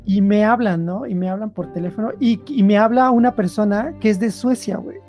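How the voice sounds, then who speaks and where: A man's voice: high voice, fairly quick, dull audio, faint music behind. A man with a Mexican accent, a podcast guest telling a story in slangy casual chat and acting out the quotes. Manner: slangy, animated, acts out quotes.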